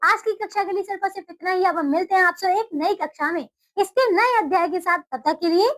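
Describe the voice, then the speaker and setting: A woman teaching young children to read, coaxing them and reading words slowly and drawn out. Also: extremely high pitch, fairly bright tone. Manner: coaxing, keeps checking in with the class.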